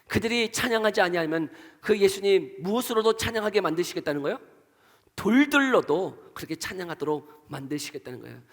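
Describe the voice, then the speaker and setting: A man with a high voice preaches in a church sanctuary, his words trailing into a long hall reverb. He keeps asking the congregation questions and answering them himself. He swings between loud, emphatic lines and soft, hushed ones. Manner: leads the congregation in reading verses aloud. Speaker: pastor. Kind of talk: sermon.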